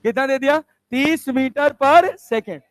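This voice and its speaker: A man's voice: extremely high pitch, measured pace, no room sound. A man teaching a physics class, coaxing the students and constantly asking whether they follow. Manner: coaxing, asks constant check questions.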